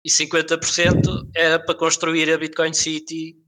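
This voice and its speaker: Male podcast co-host, European Portuguese accent. Slightly high, sharp-edged voice, casual and explanatory. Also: monotone, moderate pace.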